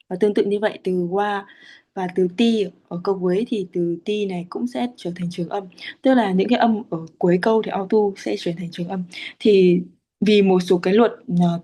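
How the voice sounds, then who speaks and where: In a medium-pitched, mellow voice, a Vietnamese woman patiently explains Pali chanting rules as a teaching explanation. She hesitates frequently, uses many fillers, and spells out syllable lengths.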